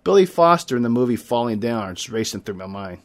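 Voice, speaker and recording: A man in his thirties reading his own poem, with dramatic swings between loud outbursts and quiet asides. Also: mid-range voice, lively intonation, fairly quick. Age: 30s. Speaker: poet.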